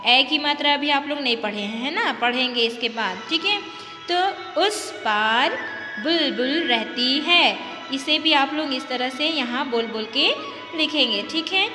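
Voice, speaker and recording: A woman's voice: high voice, animated, moderate pace. A woman teaching a kindergarten Hindi lesson, patiently spelling out words sound by sound and often checking "ठीक है" with the children. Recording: echoey room with faint music.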